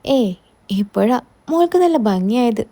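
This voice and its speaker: A woman's voice: a little high, expressive, unhurried, slightly rough, exaggerated voice. A woman voicing a lonely widowed father-in-law. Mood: gentle. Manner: soft, tender and pleading.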